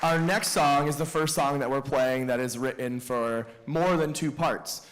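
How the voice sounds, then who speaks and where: A man's voice: mid-range voice, measured pace, fairly bright tone, some chatter behind, a little hiss or hum. A man directing a school band, announcing each song to the audience with chatty, joking asides. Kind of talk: announcing songs at a school concert.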